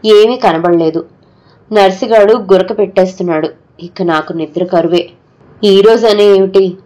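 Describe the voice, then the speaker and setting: A woman narrating a first-person audiobook story in a measured, heartfelt reading voice. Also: lowish voice, darkish tone, rough recording.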